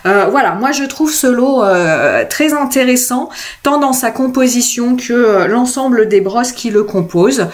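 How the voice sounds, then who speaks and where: A woman's voice: fairly high pitch, animated, a little slow. A woman from France talking through a craft tutorial in a casual, chatty way, with many hesitations and self-corrections. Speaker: craft video host.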